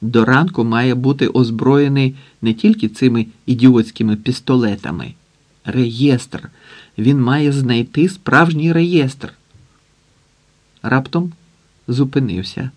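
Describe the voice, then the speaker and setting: A man reading an audiobook in a dramatic, deliberate way, acting out the characters. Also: mid-range voice. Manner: slow, deliberate, voices characters with shouts. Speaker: audiobook narrator.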